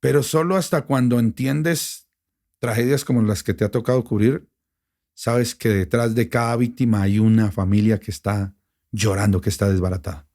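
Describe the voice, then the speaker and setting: A middle-aged man with a Bogotá Colombian accent, a radio journalist telling a personal story in an interview, emotional and animated, with many restarts. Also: lowish voice, normal speed. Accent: Bogotá Colombian Spanish. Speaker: radio journalist and station director.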